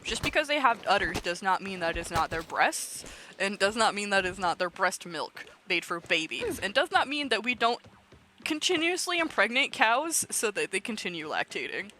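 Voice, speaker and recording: Twenties streamer, casual live chat, swings into mock-outraged rants, bright voice. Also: medium pitch, normal speed, slight background noise. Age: 20s. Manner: animated, swears a lot, laughs often. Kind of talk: casual livestream chat while gaming.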